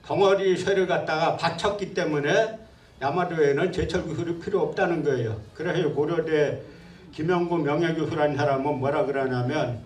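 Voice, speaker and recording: A man's voice: a little high, moderate pace, reverberant, distant mic. A man giving a public history lecture, scornful and full of rhetorical questions.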